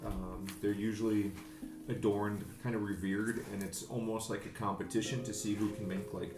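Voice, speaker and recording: A man acting as game master, describing scenes in a relaxed way with many fillers. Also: lowish voice, normal speed. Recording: echoey room with music behind. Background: background music.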